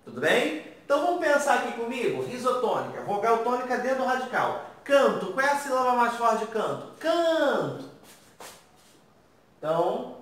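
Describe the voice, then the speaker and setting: A man's voice: extremely high pitch, sing-song, brisk, a bit bright. A man teaching a grammar lesson, asking the class questions and answering them himself, with frequent check-ins. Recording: echoey room from far off, faint noise.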